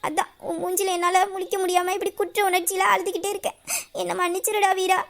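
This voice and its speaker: A woman playing a tearful, very high-voiced young woman. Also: little pitch movement, fast. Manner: sobbing, pleading, guilt-ridden. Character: tearful young woman hiding a revenge scheme. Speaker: voice actor in an audio drama. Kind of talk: emotional audio drama acting.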